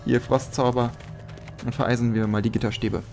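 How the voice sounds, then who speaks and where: A man's voice: medium pitch, little pitch movement, brisk, vocal fry, a little mellow, soft background music. Casual male gamer thinking aloud. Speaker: let's player. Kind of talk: casual game commentary.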